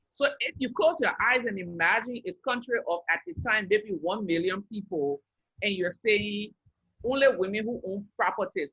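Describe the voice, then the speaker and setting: A woman from Liberia, a peace activist, telling her story on a podcast in an earnest, measured way with thoughtful pauses. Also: lowish voice, fairly bright tone, breathy edge, no echo, dull audio.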